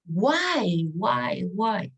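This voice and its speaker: A woman's voice: mid-range voice, sing-song, drawn-out words, vocal fry, slightly rough. A woman teaches an online English lesson. She explains patiently, repeats key points and keeps checking that the students follow.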